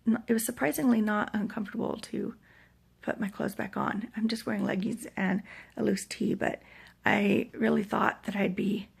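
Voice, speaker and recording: Gravelly American woman, weak after surgery. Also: mid-range voice, flat delivery, normal speed. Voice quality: gravelly, husky, breathy. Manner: rambling, hesitant, trailing off. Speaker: vlogger sharing surgery recovery. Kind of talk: casual personal vlog. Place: hotel room.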